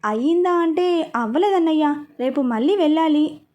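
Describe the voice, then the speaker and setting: A woman's voice: sits high, expressive, normal speed, warm tone, pitched above the performer's own voice. A woman voicing a cheeky, coaxing young man in a storybook reading, speaking lightly and soothingly.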